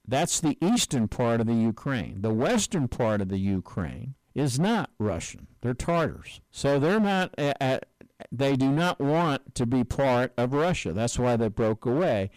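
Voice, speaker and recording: A man hosting a talk radio show, giving a measured, explanatory commentary with frequent restarts and repeated words. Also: mid-range voice, a little mellow, clean tone, no echo, low-quality recording. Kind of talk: unscripted commentary monologue.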